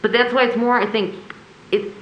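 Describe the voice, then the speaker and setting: A woman's voice: a little high, fairly even intonation, moderate pace, highs cut off. A woman speaking through a face mask, giving earnest, explanatory remarks as a commission member at a public meeting. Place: indoor public meeting room. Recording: echoey meeting room with background noise.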